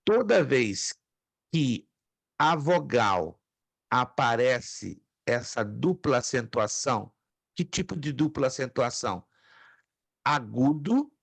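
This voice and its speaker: A man's voice: mid-range voice, vocal fry, no echo. A man teaching a Greek class from his home office, patiently repeating each pronunciation and joking lightly with students. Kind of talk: online lecture.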